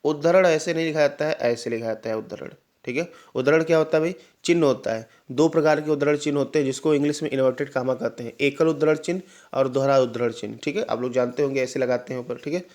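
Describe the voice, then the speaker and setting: A man's voice: medium pitch, fast talker, hardly any pauses, a little mellow. Man teaching an exam-prep language lesson. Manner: explains patiently, often repeats "ठीक है" to check understanding; addresses students directly, sometimes calling them "भाई".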